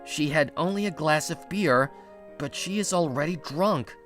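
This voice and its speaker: With faint music underneath, a woman whose voice sits low speaks at a moderate pace in a lightly acted manga dub. She plays a guarded, exasperated young male office recruit, narrating and speaking his lines defensively, and the mood comes across as guarded and resigned.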